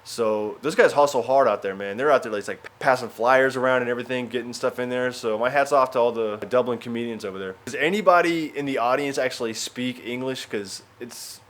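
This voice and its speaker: A man's voice: mid-range voice, a little fast, hardly any pauses, a bit bright. A young man vlogging his travels in a wry, rambling, self-mocking way. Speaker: travel vlogger and stand-up comedian. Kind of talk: casual vlog chat.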